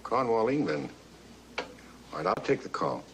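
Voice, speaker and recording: A man's voice: lowish voice, very animated, measured pace, noisy background. A man playing a level-headed, firm newspaperman in a 1950s film. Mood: firm, surprised. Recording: old film soundtrack under loud music.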